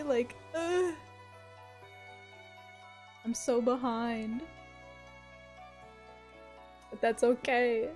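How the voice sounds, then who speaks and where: A woman game streamer chatting casually on a livestream in a playful, expressive, sometimes sweary way. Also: on the high side. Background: game music.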